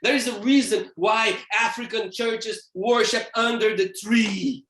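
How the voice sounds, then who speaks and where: A man from Brazil with a Brazilian Portuguese accent, giving an animated, playful church lecture as a theologian. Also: sits high, measured pace, slight background noise. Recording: echoey church hall.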